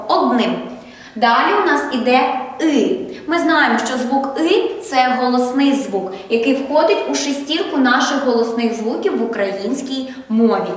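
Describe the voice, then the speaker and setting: A woman primary school teacher giving a first-grade literacy lesson, speaking slowly and clearly, asking questions and praising answers. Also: high-pitched, heavy reverb, long reverb tail, distant mic. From Ukraine.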